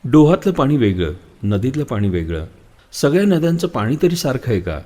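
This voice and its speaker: A man reading a literary story aloud in a measured, reflective storytelling manner. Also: mid-range voice, sing-song, dark tone. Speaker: narrator, audiobook reader. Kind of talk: literary audiobook narration.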